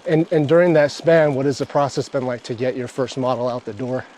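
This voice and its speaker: A man's voice: mid-range voice, brisk, a little mellow, a little hiss or hum. A man hosting an interview outdoors while riding a bike, upbeat and chatty. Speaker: host.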